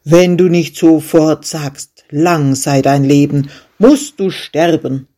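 A storyteller voicing a proud, angry king in a fairy tale, who shouts his commands. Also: mid-range voice, slow, natural voice. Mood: furious. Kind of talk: storybook character voice.

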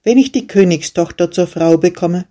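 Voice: mid-range voice, normal speed, mellow, lightly acted. Narrator doing a bold young shepherd. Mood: defiant. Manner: bold, stubborn retorts. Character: young fearless defiant shepherd. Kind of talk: storybook character voice.

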